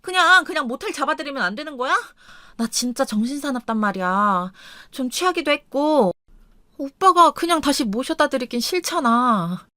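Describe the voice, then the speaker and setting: A woman's voice: high voice, very animated, normal speed, fairly bright tone, no room sound, studio quality, voice pushed up. A woman voicing a petulant, spoiled young wife who talks in a whiny way.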